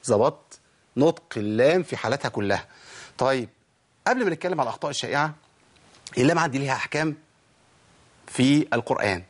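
A man's voice: mid-range voice, animated, fast, long pauses. A man with an Egyptian Arabic accent teaching Quran recitation to students. He keeps quizzing them with rhetorical questions and demonstrates the sounds himself. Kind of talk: spoken lesson to students.

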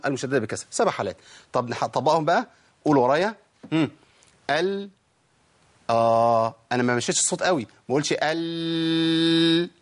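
A man with an Egyptian Arabic accent teaching Quran recitation to students. He keeps quizzing them with rhetorical questions and demonstrates the sounds himself. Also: mid-range voice. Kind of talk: spoken lesson to students.

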